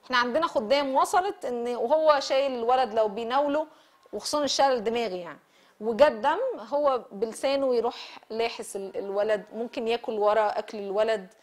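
A woman with an Egyptian Arabic accent lecturing church servants, lively and quizzing the audience. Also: fairly high pitch, fast. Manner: lively, asks the audience questions, laughs with them.

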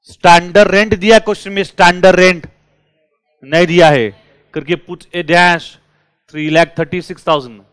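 A male teacher runs a lively lecture, firing questions at his class. His voice sits a little high and comes across clean and resonant. The recording is dry and close. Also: normal speed, clear, resonant tone, no room sound. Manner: lively, drills students with repeated questions.

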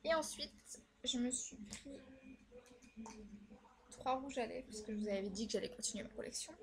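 A woman's voice: on the high side, normal speed. A young woman chatting casually as a vlogger reviewing her makeup purchases, filling her talk with hesitations. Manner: chatty, many fillers and "voilà". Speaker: beauty vlogger.

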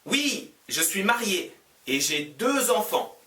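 A man voicing a married Belgian journalist in a slow, carefully spoken textbook dialogue. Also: sits high, very animated, pushed and bright, reverberant, recorded from a distance, pitched above the performer's own voice, full character voice. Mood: friendly.

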